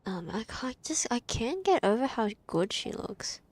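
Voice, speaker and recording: Young woman streamer gushing at a game, slow, breathy, kinda high. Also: big pitch swings, a little mellow, no echo. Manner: gushing reactions, half-whispered reading. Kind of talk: reacting to a game.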